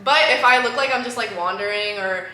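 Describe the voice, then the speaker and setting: A woman's voice: medium pitch, fairly quick, bright, forceful tone. A twenty-year-old woman in casual chat, laid-back and rambling with lots of filler words. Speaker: guest friend. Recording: echoey room with faint background noise.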